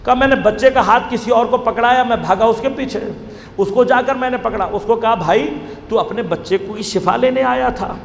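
A preacher telling a moving story in a dramatic sermon, building to loud, impassioned outbursts. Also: male voice, extremely high pitch, moderate pace, gravelly. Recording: echoey hall with faint noise.

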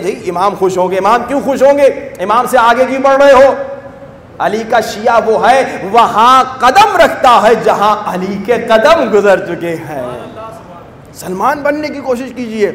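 Fervent high-voiced male preacher, echoey hall. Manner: fervent, rising to forceful emphasis, rhetorical questions. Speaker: Shia cleric giving a majlis sermon. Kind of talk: sermon. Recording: echoey hall with long reverb.

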